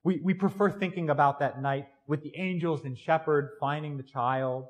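A male priest delivers a sermon in a church. His voice sits on the higher side, and he talks in an easy, conversational way, often tagging lines with "right?". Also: normal speed, low-quality recording.

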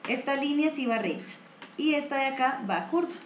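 A painting teacher with a Colombian accent runs a live online watercolor class, chatty, encouraging and full of diminutives. Her voice sits high with lively intonation at a moderate pace. Her computer mic on the video stream picks up an echoey room and slight background noise.

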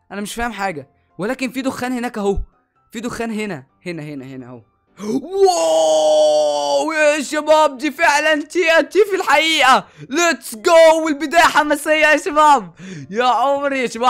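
A man's voice: high-pitched, fairly bright tone. A young man with an Egyptian Arabic accent hosting a reaction video, talking eagerly and exclaiming as he keeps calling out to his viewers. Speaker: YouTube reaction host. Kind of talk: excited reaction commentary.

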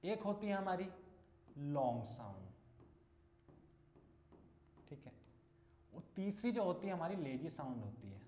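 A man's voice: on the high side, very animated, a little slow, pauses often, a little mellow, a little hiss or hum. A male teacher giving an English lesson, asking questions and repeating the answers. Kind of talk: classroom English lesson in Hindi. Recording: echoey room.

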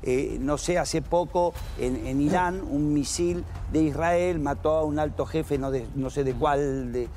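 Emphatic Argentine panelist. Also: male voice, on the high side, measured pace, hardly any pauses, warm tone, slight background noise. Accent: Argentine Spanish. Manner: emphatic, argumentative. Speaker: news panelist. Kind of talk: live studio panel discussion. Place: TV news studio.

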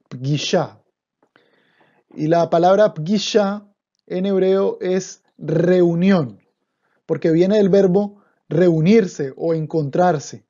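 Slow, patient male Hebrew teacher. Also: a little high, warm tone, lo-fi sound. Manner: patient, repeats words slowly, checks in with "¿ok?". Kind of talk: online language lesson.

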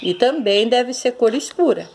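This woman's voice is fairly high, animated, a bit slow and gravelly, with background noise. An orchid-growing vlogger, she casually shows off her plants in a chatty, affectionate show-and-tell, often calling her viewers "gente" and letting out fond exclamations.

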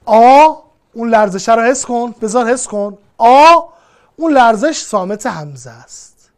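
In this classroom lesson, the teacher's medium-pitched voice sounds animated. They walk the student through the material patiently, one step at a time, repeating things and addressing the student directly.

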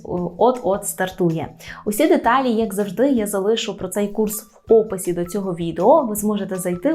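A woman teaching Polish online, explaining words patiently and slowing down to demonstrate pronunciation. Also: medium pitch, darkish tone. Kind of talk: online language lesson.

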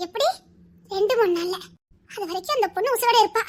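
A woman voices a frightened young wife crying in a tearful melodrama. Her voice sits extremely high and rushes forward, breaking on nearly every line. The speech carries a Tirunelveli Tamil accent. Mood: tearful, anguished. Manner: sobbing, breaking voice, repeated pleas. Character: distraught young wife, weeping, frightened, threatening to leave.

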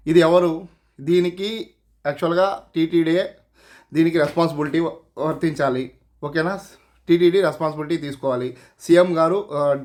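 A man giving casual, sarcastic political commentary, full of mocking rhetorical questions and repeated phrases. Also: on the high side. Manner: addresses listeners directly, repeats phrases.

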